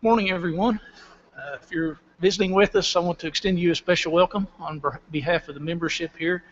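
Man giving church announcements at a pulpit mic. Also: fairly high pitch. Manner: plain, friendly welcome with filler pauses. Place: church sanctuary. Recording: dull lo-fi church recording.

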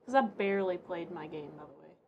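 A woman's voice: fairly low pitch, a little fast, creaky, lo-fi sound, slight background noise. A woman giving casual live game commentary, informally thinking aloud to herself and her viewers. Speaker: game streamer.

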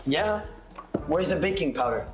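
A man's voice: on the high side, lively intonation, unhurried. A young man bantering casually in an argumentative, sweary way, as a contestant in a home bake-off. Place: large home kitchen indoors. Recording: echoey room with music.

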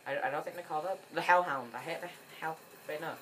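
Female gamer, low register, chatty and excitable commentary. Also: fast talker, slight background noise. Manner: chatty and excitable, rambling with frequent restarts. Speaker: gaming channel host. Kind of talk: casual gameplay commentary.

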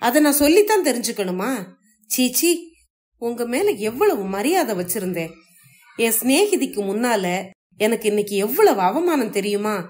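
A woman's voice: a little high, very animated, normal speed, darkish tone. A woman voicing a hurt, jealous young wife in a family story read aloud, talking in reproachful, indignant outbursts.

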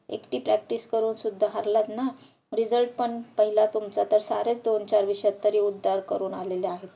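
Woman doing a strict professor lady, harsh and scornful, dark mellow tone. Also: a little high, creaky. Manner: stern, contemptuous scolding. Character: strict scolding female college professor.

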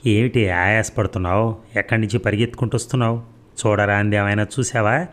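A man's voice: on the low side, steady tone, fast, a bit bright, lightly acted. A man voicing an anxious, caring old grandmother in an audio story, asking question after question.

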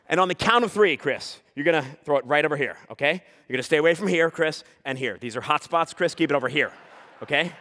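Bright, lively man teasing onstage. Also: fairly high pitch, brisk. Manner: playful teasing banter, bursts of shouted crowd hype. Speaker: comedian and juggler. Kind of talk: live stand-up juggling act with a volunteer. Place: live stage before an audience.

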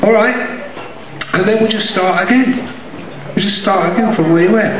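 A man's voice: sits high, moderate pace, over a noisy crowd. A middle-aged man with an East Midlands accent from Derbyshire, teaching line dancing live in a jokey, chatty way and calling out the steps. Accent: East Midlands English, Derbyshire. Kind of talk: live dance instruction, counting steps. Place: stage in a community hall. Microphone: handheld microphone through PA, recorded from the audience. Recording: echoey hall, dull sound, audience heard.

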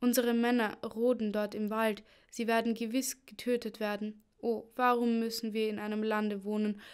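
A woman's voice: fairly high pitch, little pitch movement, normal speed, darkish tone, smooth, natural voice. A woman voicing frightened peasant women who lament their fate.

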